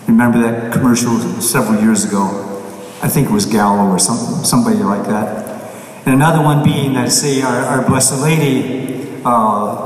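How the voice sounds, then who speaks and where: A man speaks as a clergyman at a church service, in a mid-pitched voice. His words ring out in a long cathedral echo, picked up from a distance with some faint background noise. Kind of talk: Gospel reading and informal sermon. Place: large echoing church.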